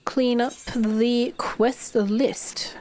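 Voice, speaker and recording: Her fairly high voice stays level, words drawn out and mellow, with a little hiss or hum on the recording. She's an Australian woman livestreaming a game, chatting loosely and rambling with some swearing, her voice worn and throat slightly irritated.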